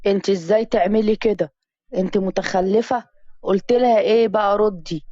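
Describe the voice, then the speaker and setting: A quick-tempered young man, a doctor, speaks with a harsh edge, as a woman narrator reads his part. His scolding comes across in a flat, dry recording. The sound is slightly muffled. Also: medium pitch, no echo, lightly acted. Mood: angry.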